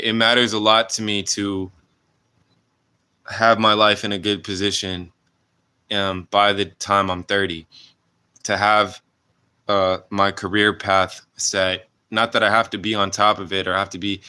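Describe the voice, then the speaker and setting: A man in his late twenties talking earnestly and haltingly about his life in a personal vlog, with many restarts and fillers. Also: on the low side, flat delivery, sharp tone, smooth. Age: 20s. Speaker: vlogger.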